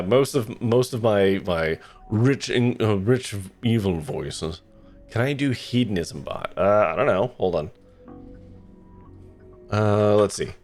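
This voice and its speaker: A man chatting casually while he plays a video game. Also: fairly low pitch. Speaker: game streamer. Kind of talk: casual chat while playing.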